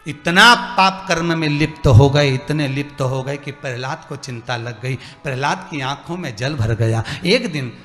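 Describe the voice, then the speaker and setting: A man preaching a devotional sermon, animated and storytelling, voicing the people in his stories. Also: medium pitch, unhurried, hardly any pauses. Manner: animated, voices quoted characters in dialogue. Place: large religious gathering. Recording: music behind, long hall reverb.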